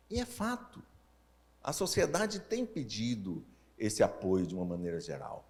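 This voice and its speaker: A Brazilian man in his sixties leads a Spiritist family-ministry session as an informal lecture, his mid-range voice slightly tongue-tied and slurred. Animated, he poses rhetorical questions and checks in with listeners through short tag questions, speaking Brazilian Portuguese.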